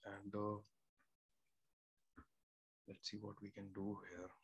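A young man with an Indian accent speaks slowly in a lowish, husky monotone while hosting a casual screen-share tutorial on home recording, explained step by step with frequent fillers and restarts. He's in a small home room near an air conditioner and fridge, on a studio microphone through an audio interface. The audio is lo-fi, with faint room hum.

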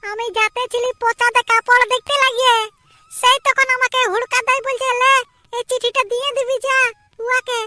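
A performer doing a tiny naive cartoon village boy with a Purulia Bengali accent, whiny and pleading, very high squeaky voice, bright and tense, soft music running behind. he sounds like a timid kid who is always in trouble. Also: level tone, normal speed, dry recording, full character voice. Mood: protesting.

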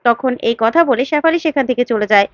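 A woman's voice: a little high, quick pace, dry recording, dull audio. A woman casually retelling a serial episode step by step. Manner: plain, step-by-step narration. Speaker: storyteller recapping a serial.

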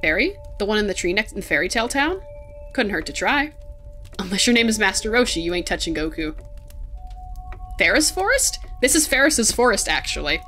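Female streamer, expressive delivery, reads in-game text to chat, light music underneath. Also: mid-range voice, a little fast. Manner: reads in-game notes aloud, chats with chat. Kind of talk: let's play commentary.

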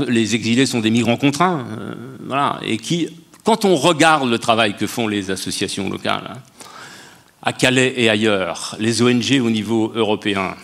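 An older man speaking as a guest on a public panel debate, making an impassioned case in long sweeping sentences into a handheld mic on a stage. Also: medium pitch. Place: stage of a large dark auditorium.

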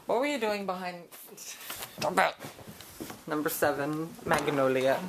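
A man's voice: a little high, expressive, a little slow, background noise. A young man filming a casual vlog outdoors at a woodland retreat camp, giving a joking, teasing tour with a handheld camera. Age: young adult. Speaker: vlogger.

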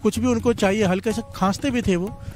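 A man's voice: sits high, steady tone, a little fast, a little mellow, soft background music. A man giving a devotional sermon with a North Indian accent, telling a story and calling out a repeated refrain to the congregation. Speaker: preacher.

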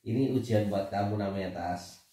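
A man's voice: lowish voice, moderate pace, dark tone. A man, a father, in casual, playful, teasing family chat at home. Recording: echoey room, mic far off.

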